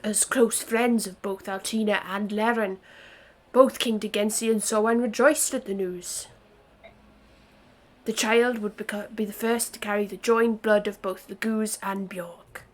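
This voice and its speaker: A woman's voice: medium pitch, fairly even intonation, a little slow. A woman streaming a game, reading its story dialogue aloud earnestly, with joking asides.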